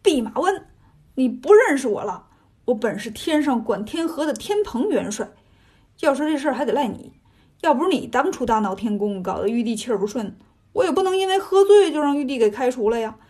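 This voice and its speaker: A woman voicing a lazy, grumbling male pig demon who whines and wheedles, with a husky voice. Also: high voice, sing-song, fairly quick, darkish tone, full character voice. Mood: whiny. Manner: whiny, sly.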